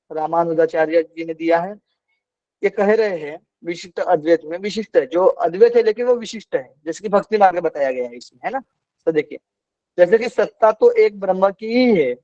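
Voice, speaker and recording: A man's voice: high-pitched, darkish tone, no room sound, dull audio. A male teacher giving an online philosophy class, explaining patiently and repeating key points.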